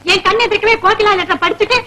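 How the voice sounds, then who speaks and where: A naive young wife who is crying, her voice very high and bright as she pleads plaintively and quickly. The delivery is that of a 1970s film comedy. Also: fairly even intonation, a little hiss or hum. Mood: tearful.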